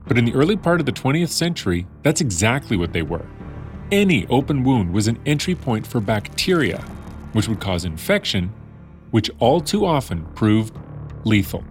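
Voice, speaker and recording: A man's voice: medium pitch, big pitch swings, moderate pace, soft background music. Guy narrating a story podcast, chatty and wry, voice goes up and down a lot. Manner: conversational, wry asides to the listener.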